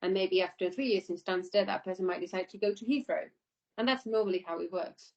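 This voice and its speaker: Over dull, lo-fi online call audio, a woman who works as an air traffic controller explains her job informally in an interview, frequently repeating herself. Her voice sits on the low side, with a steady tone and a fairly quick pace.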